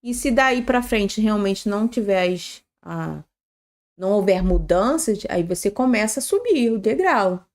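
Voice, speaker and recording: A woman on a live workplace-safety broadcast answers a question as a panelist, giving earnest, practical advice. She sprinkles "tá?" and "né?" through her sentences and corrects herself as she talks. Her voice is mid-range with lively intonation, and she speaks a little slowly.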